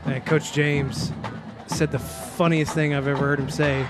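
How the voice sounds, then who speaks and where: Jokey high-voiced football announcer man. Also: little pitch movement, unhurried, loud music behind the voice. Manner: jokey, chatty, laughs often. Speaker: play-by-play announcer. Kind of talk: local high school football commentary.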